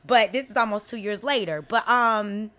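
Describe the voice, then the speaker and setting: A middle-aged woman telling a story in casual chat, frank and animated, acting out what people said. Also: medium pitch, normal speed. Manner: animated storyteller, frank and blunt, acts out quotes.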